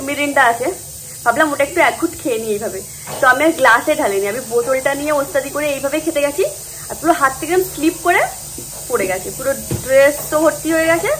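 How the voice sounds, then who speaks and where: A woman's voice: high voice, slight background noise, low-quality recording. A woman chatting casually to her viewers in a daily home vlog, explaining her chores as she goes. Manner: talks softly while child sleeps; sing-song coaxing voice with child. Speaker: vlogger. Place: home, kitchen and rooms, indoors.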